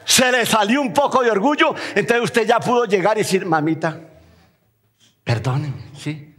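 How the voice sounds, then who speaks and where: A man with a Colombian accent preaching a sermon as pastor in a church, quizzing the congregation with rhetorical questions in a lively way. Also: very high voice, brisk. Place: church sanctuary. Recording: long church hall reverb.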